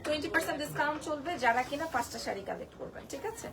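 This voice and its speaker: A hoarse woman presenting a live-stream sari sale from Bangladesh, gushing over each piece and repeating prices and discounts. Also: high-pitched, animated, racing, music in the background. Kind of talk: live-stream sales pitch.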